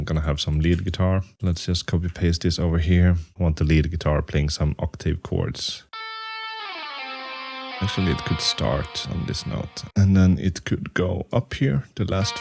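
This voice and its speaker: A man composing a metal song on his computer, talking through each step and humming out rhythms. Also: a little mellow. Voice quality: very deep, gravelly voice. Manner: thinking aloud, humming and scatting rhythms. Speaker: musician and YouTuber. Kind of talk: casual talk-through while composing.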